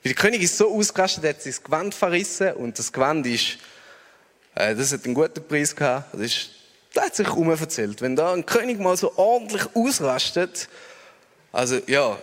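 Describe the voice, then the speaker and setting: Man, Swiss German accent, preacher, chatty storytelling, high lively voice, long hall reverb. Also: normal speed. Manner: animated, chatty, laughs at his own story. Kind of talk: storytelling sermon.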